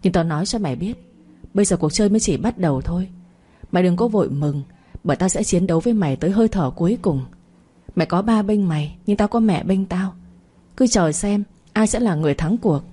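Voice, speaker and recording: A woman's voice: lowish voice, animated, a little fast, warm tone, slightly rough. A woman voicing a jealous, spoiled young daughter who talks in a whiny, spiteful way.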